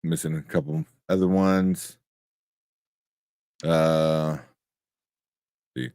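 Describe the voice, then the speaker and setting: A young man co-hosting a live pop-culture chat show, relaxed and rambling with restarts. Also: rumbling low, very slow, clear, resonant tone, no echo, clean studio sound. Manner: laid-back, rambling with restarts and laughs. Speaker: co-host of live nerd news show. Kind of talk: casual chat.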